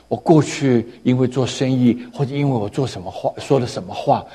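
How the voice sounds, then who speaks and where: A man voicing a remorseful dying old man who speaks in a hushed, halting voice. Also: mid-range voice, breathy edge, in a large hall, voice pushed down, natural voice. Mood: weak, remorseful.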